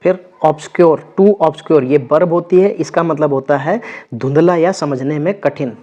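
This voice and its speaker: A man's voice: on the high side, measured pace, warm tone. Man teaching vocabulary, lo-fi recording. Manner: repeats words with frequent check-ins. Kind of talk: exam vocabulary lesson.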